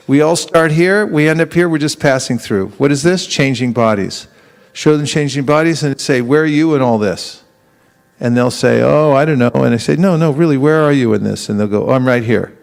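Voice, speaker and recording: A man's voice: mid-range voice, gravelly. A man leading a live teaching seminar. He keeps firing questions at his audience and acts out both sides of short dialogues as he demonstrates. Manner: acts out street exchanges in quoted voices.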